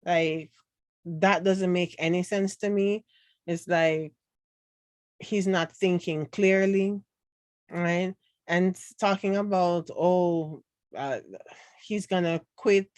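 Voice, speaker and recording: Slow-talking Jamaican woman chatting live. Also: medium pitch, darkish tone, no room sound. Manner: chatty, opinionated, laughs often, answers viewers' comments. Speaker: commentary vlogger reading live chat. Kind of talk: casual live-stream commentary.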